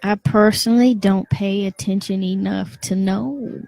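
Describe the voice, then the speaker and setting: A woman, a singer, talking casually in an interview, soft-spoken and slangy, with hesitant restarts. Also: mid-range voice, fairly even intonation, unhurried, gravelly, no room sound.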